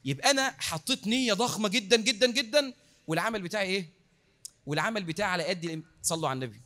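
Lively Egyptian preacher with a high voice. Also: male voice, very fast. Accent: Egyptian Arabic. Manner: lively, repeats words for emphasis, asks the crowd questions. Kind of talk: mosque lecture. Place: mosque.

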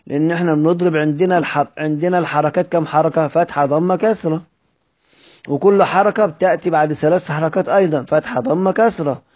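Egyptian guy teaching recitation, slightly high voice, reads the text then explains it casually, keeps asking questions. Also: darkish tone. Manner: slowly spells out word examples. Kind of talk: explaining a classical text in a lesson.

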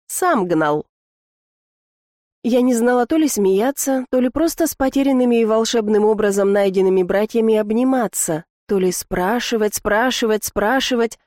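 A woman narrating a first-person novel in a lively, wry, conversational way. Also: mid-range voice, dry recording, studio quality. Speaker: audiobook reader.

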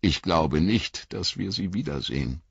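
A man's voice: low voice, expressive, unhurried, creaky, breathy edge, dry recording, lo-fi sound, heavily acted. Frodo, a man doing a weary resolute hobbit. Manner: gentle, firm, fatherly toward companion. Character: weary resolute young male hobbit hero. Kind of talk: audiobook reading.

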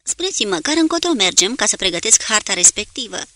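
A woman's voice: medium pitch, very animated, sharp tone, dry recording. A woman reading the lines of a drowsy male naval officer in an audiobook.

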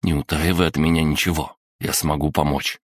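An earnest, impulsive teenage boy, voiced in a deep male narrator's own register. His very low voice comes through close and dry. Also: little pitch movement, a little fast, no echo. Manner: earnest, exclamatory. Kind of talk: audiobook reading.

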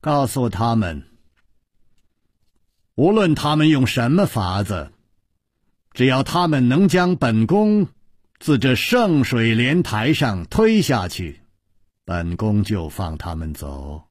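A man voicing a cold, haughty woman who rules a hidden palace, speaking low and clipped. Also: big pitch swings, takes it slowly, pauses often, no echo, studio quality. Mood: cold commanding. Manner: icy, low, clipped, imperious.

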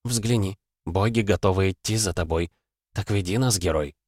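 A man reading the part of a calm, sober young goddess in an audiobook, speaking softly and earnestly. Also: low-pitched, moderate pace, no room sound, clean studio sound. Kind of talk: audiobook character voice.

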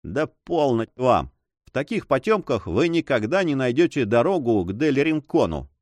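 A man's voice: medium pitch, big pitch swings, moderate pace, darkish tone, no echo, voice pushed up, close to an everyday voice. A self-assured adventurer who toys with his listener, as a male reader voices him. His talk rises and falls with playful emphasis. Close, dry storybook reading. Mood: mocking. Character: mocking confident French adventurer, adult male.

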